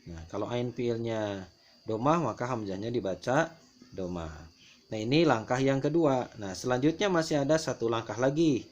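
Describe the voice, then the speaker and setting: A man's voice: medium pitch, normal speed. A man teaching a grammar lesson step by step, patient and repetitive, often starting sentences with "nah". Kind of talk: classroom explanation over slides.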